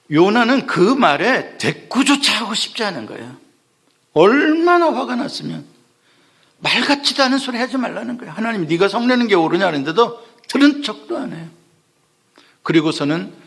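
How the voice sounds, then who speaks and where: Male pastor preaching, high voice that swings all over, keeps asking the room questions. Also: slightly rough. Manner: animated, questioning the congregation, acting out quotes. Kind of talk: sermon. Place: church sanctuary.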